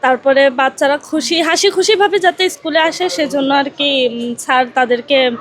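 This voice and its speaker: A woman's voice: high-pitched, normal speed. A woman teacher answering an interview hesitantly, with fillers.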